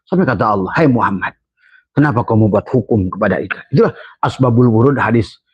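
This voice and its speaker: Husky-voiced man preaching a sermon. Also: animated, dry recording, lo-fi sound. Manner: rises to high emphatic peaks, chants Quranic verses slowly. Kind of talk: sufi sermon.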